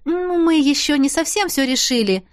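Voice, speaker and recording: A woman voicing a lively young lawyer wife who talks brightly and teases. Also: sits high, dry recording, studio quality, pitched above the performer's own voice. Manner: bright, teasing, quick to exclaim.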